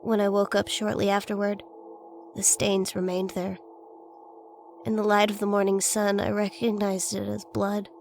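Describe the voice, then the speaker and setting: A woman's voice: mid-range voice, completely flat delivery, normal speed, gravelly. A woman reading a scripted first-person horror story as its narrator. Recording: faint noise and ambience behind voice.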